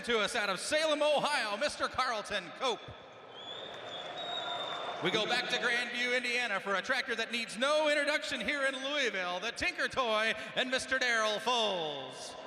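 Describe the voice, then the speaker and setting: Man as tractor pull announcer, projected formal driver intros, super high voice, big echoey hall w crowd. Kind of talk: live arena announcing of a competitor lineup. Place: large indoor arena. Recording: echoey arena PA, crowd and noise. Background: crowd and arena noise.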